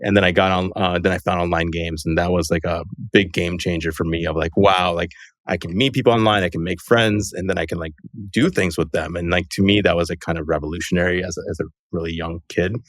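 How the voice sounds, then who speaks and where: A man's voice: deep voice, fairly even intonation, fast talker, dry recording, studio quality. A man talking casually as a podcast guest, chatty and loose, leaning on "like" fillers and laughing through his sentences. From Los Angeles, USA. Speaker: guest, company co-founder. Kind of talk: casual interview conversation.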